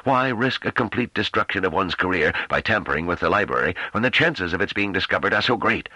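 A man's voice: low-pitched, animated, a little fast, pushed and bright, breathy edge, dry recording, pitched above the performer's own voice, full character voice, poor audio. A man doing an indignant council leader. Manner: formal and indignant.

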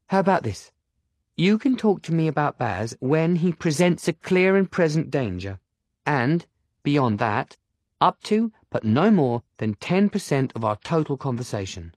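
A man's voice: fairly high pitch, very animated, darkish tone, no echo, voice pushed up. Man putting on a raised voice for a strict young woman, bossy, lecturing, audiobook, dry close sound. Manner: brisk, lecturing, sets rules.

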